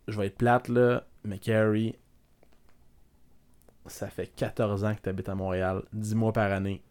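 A man with a Québécois French accent, co-hosting a podcast in casual chat, animated and joking with loud outbursts. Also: fairly low pitch, measured pace, clean tone. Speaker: podcast co-host.

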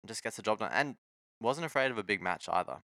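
A man's voice: on the low side, lively intonation, fast, gravelly, bright, forceful tone, dry recording, studio quality. A man chatting casually about sport in a laid-back, slangy way. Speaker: sports talk co-host.

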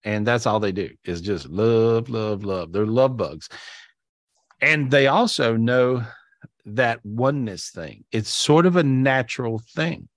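A man's voice: mid-range voice, lively intonation, no room sound, clean studio sound. A man hosting a live spiritual talk over a video call. He speaks casually and enthusiastically, repeats himself, and often restarts his sentences. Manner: chatty and repetitive, many restarts with "and so"; enthusiastic, drawn-out emphatic words. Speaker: spiritual teacher and podcast host.

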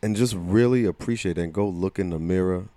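A man co-hosting a casual podcast in a very deep, low voice. His humor is crude and teasing, and he trades quips easily with his co-host. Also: fairly quick, mellow, no echo.

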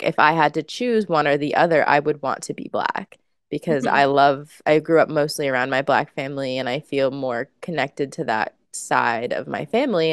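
A woman co-hosting a casual podcast, speaking in an earnest, reflective and measured way. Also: low-pitched, no room sound, studio quality. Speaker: podcast co-host.

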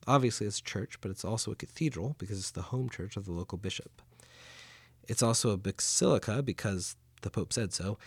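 Low-voiced man narrating a playful audio tour. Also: slightly rough, dry recording. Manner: playful, jokey and chatty.

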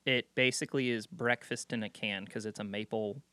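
Man, podcast co-host, casual chat, teasing, bright tone. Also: on the low side, a little fast, no echo. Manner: joking, teasing, animated.

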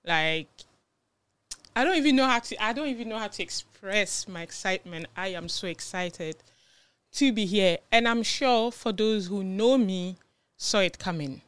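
A woman in her thirties from Ghana, hosting and opening her own podcast in a bubbly, excited way. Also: mid-range voice, moderate pace, clear, resonant tone, dry recording. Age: 30s. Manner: bubbly and excited, with laughs and fillers. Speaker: podcast host. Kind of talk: casual solo podcast intro.

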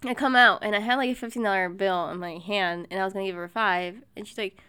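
A young woman chatting casually and telling stories, relaxed and often laughing. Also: medium pitch, quick pace, clear, resonant tone. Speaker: co-host. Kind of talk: casual storytelling chat.

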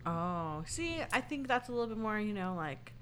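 A woman co-hosting a podcast in casual, playful, animated banter. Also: medium pitch, moderate pace, slight background noise. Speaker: podcast co-host.

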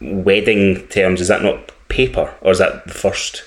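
Deep-voiced Scottish man on a laptop microphone. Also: fairly even intonation, measured pace. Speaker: podcast host. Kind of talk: casual podcast chat. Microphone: built-in laptop microphone.

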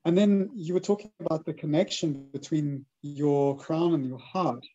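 On a spiritual podcast, the male host speaks at normal speed in a voice on the high side, earnestly musing on energy and healing. He keeps up soft, affirming backchannels, and the recording has its highs cut off.

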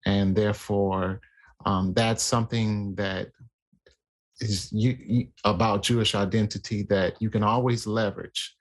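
A man in casual conversation about faith, talking in a halting way with many fillers and restarts. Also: lowish voice, little pitch movement.

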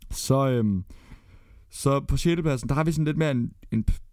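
A man's voice: medium pitch, a little mellow, no room sound, clean studio sound. A Danish man co-hosting a podcast in casual chat, blunt and swearing freely as he counts down a ranked list. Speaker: podcast co-host.

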